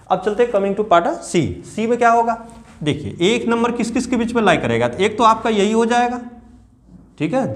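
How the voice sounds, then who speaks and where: A man teaching a math lesson to children, patiently repeating numbers step by step and asking them questions. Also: high voice.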